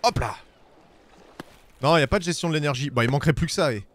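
A man streaming a video game, chatting casually with viewers and swearing, with bursts of shouting at the animals in the game. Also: fairly high pitch, expressive, fast, slight background noise. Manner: talks to his chat viewers. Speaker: streamer playing a climbing game. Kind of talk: casual gameplay commentary.

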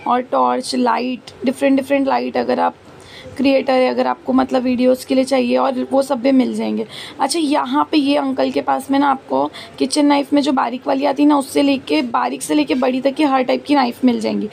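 Her voice is high, level and a little mellow, with vocal fry and a brisk pace. She's a market vlogger filming on a handheld phone as she tours a busy outdoor street market on foot, chatting and reading off prices over the surrounding street noise and market sounds.

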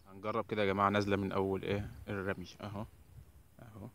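A man with an Egyptian accent giving excited live commentary as he fishes outdoors, talking straight to his viewers and muttering blessings under his breath. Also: on the low side, gravelly. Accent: Egyptian Arabic. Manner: brisk, excited, addresses viewers directly, mutters repeated blessings. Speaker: fishing vlogger.

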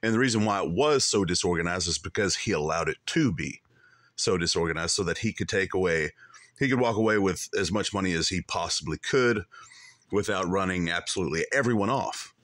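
A man with a deep, low voice who pauses a clip to rebut it in a calm, skeptical way. His voice sounds dry and close to the mic, with no room echo. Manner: measured, skeptical, cuts in to rebut. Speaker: commentator reacting to a clip. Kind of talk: dry reaction commentary.

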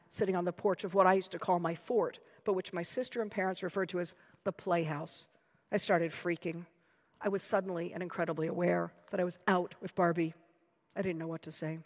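An American woman author reading her own fiction aloud in a dry, measured, deadpan way. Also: fairly low pitch. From United States. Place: lecture hall. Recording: long hall reverb.

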